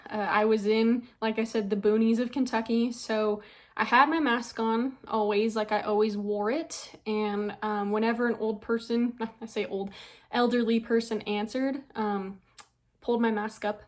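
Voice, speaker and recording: A young woman vlogging in a casual, rambling way, with frequent ums and little laughs, a bit out of breath. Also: a little high. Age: young adult. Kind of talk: casual chat.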